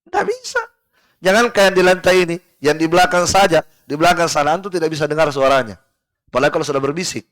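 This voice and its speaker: A man teaching Quran exegesis in a live study class in a prayer room, lively and rhetorical, keeps asking his listeners why and then answering himself, with Arabic verses recited in a slow chant. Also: fairly high pitch, dry recording.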